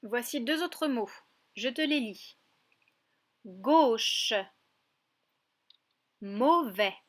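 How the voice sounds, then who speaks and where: A woman teacher with a fairly high voice leads a recorded lesson for small children. She speaks at an unhurried pace and sounds out each word carefully. She addresses the child directly. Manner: slow and clearly articulated, addressing a child directly. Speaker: preschool teacher.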